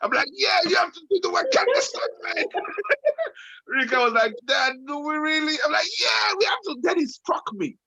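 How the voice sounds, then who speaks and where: A man in his late forties, co-hosting a casual chat in an animated way, turning from loud excitement to low musing. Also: moderate pace. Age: 40s. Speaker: podcast co-host. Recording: dull lo-fi sound.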